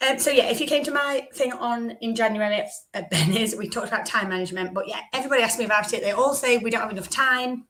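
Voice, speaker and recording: A woman hosting a live business stream, her voice croaky from recovering, chatting with asides to her viewers. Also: a little high, quick pace, hardly any pauses, fairly bright tone. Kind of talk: casual live-stream talk.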